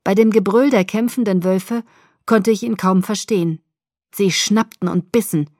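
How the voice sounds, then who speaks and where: A woman narrating a first-person story as an audiobook reader, with expressive scripted delivery. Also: medium pitch, normal speed, no room sound, studio quality.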